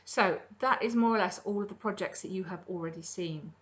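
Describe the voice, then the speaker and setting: Talking a little fast in a mid-range voice, a middle-aged woman chats about her projects on a crafting podcast recorded in her home kitchen. It's a rambling, casual show-and-tell, peppered with lots of ums.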